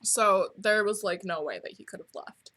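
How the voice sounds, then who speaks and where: A woman's voice: medium pitch, normal speed, pushed and bright. A young woman co-hosting a casual chat, rambling and self-deprecating as she recaps. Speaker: co-host.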